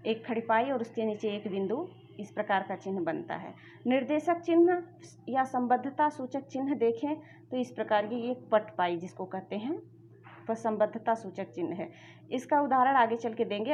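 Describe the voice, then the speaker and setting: Grammar teacher, woman, higher pitch, patient step-by-step explainer, slightly muffled lo-fi recording. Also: a little mellow, slight background noise. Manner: addresses students directly, explains step by step. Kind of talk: explanatory lesson.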